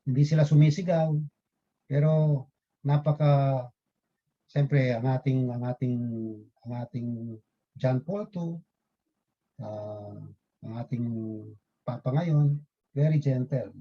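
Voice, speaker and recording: A man's voice: mid-range voice, steady tone, slow, long pauses. A man giving a casual religious talk to fellow believers, rambling with many fillers and tag questions. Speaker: lay preacher. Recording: dull lo-fi recording.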